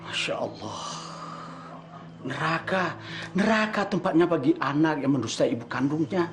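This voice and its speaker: An actor playing a pious, moralizing middle-aged uncle who lectures and sighs prayers. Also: male voice, a little high, animated, normal speed, a little hiss or hum, natural voice. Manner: preachy, sighs pious exclamations. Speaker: uncle figure.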